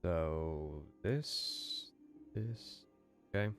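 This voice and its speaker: A man's voice: sits low, drawn-out words, soft background music. A man streaming live, chatting casually in a rambling, profane way with lots of fillers.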